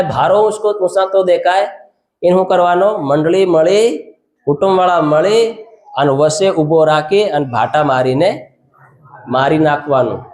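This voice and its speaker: A male pastor, preaching in a fairly high voice. He calls questions out to the congregation and repeats phrases to drive them home. The sound is echoey and roomy. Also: a little mellow. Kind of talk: sermon.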